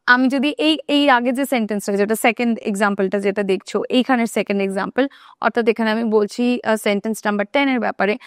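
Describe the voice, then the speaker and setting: Woman, English teacher, smooth crisp voice, dry close sound, slow careful English examples. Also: on the high side, no room sound. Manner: slow careful English examples inside quick Bengali explanations; checks in often with listeners. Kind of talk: video lesson explaining English phrases in Bengali.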